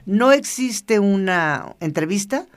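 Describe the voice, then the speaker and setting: An older woman tells personal stories as an interview guest. She talks in a lively, chatty way, laughing often and acting out the voices of the people she quotes. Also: medium pitch, slow. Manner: lively anecdotal storytelling, laughs often, acts out quoted dialogue. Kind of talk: casual storytelling interview.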